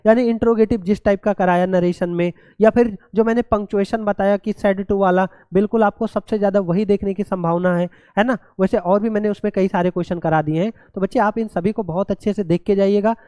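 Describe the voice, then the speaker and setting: A man's voice: high-pitched, steady tone, a little fast, hardly any pauses, dark tone, clean tone, no echo. A male teacher giving an exam-prep grammar lesson, often calling his students "children" and spelling words letter by letter.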